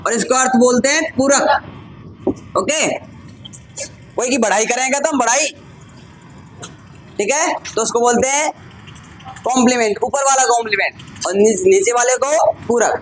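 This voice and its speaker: A male teacher leads a grammar lesson in a classroom, his voice very high for a man. He keeps checking with the students, calling them brother and son. A faint hum of the room sits behind him. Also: moderate pace, pauses often, a bit bright, poor audio. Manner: addresses students as "bhai" and "beta", asks frequent check questions.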